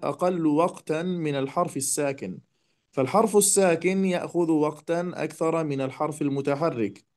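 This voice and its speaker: A man teaching Quran recitation rules, explaining calmly and slowing down to demonstrate the words. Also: a little high. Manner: measured, demonstrates recitation slowly. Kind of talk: tajweed lesson explanation.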